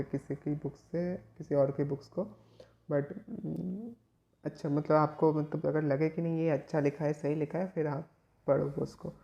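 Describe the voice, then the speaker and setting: Male tutor from West Bengal talking students through prep; loose, halting delivery, warm low timbre, muffled home recording. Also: vocal fry, a little hiss or hum. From West Bengal, India. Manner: rambling, restarts and fillers. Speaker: chemistry exam tutor. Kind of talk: informal study advice to students.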